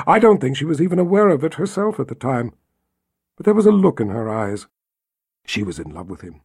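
A man voicing a nervous female sorceress who talks fast and babbles, voice rising higher. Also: gravelly, darkish tone, slightly rough, dry recording, clean studio sound, exaggerated voice.

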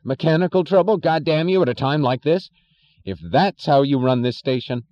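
A man voicing a panicking male official who yells and raises his pitch sharply. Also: normal speed, no room sound, dull audio, close to an everyday voice. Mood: frantic rage. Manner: yelling, frantic, high-pitched outbursts.

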